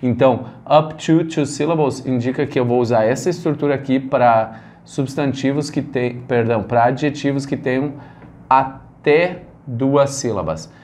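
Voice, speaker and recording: A man's voice: medium pitch, moderate pace, a little mellow. A man from Brazil teaching an English grammar lesson, explaining step by step and asking rhetorical questions.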